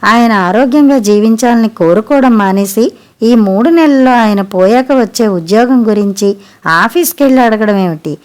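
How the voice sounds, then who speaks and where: A woman's voice: a little high, normal speed, a little mellow, natural voice. A woman voicing a devoted adult daughter in a storybook reading, speaking earnestly and reproachfully. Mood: indignant.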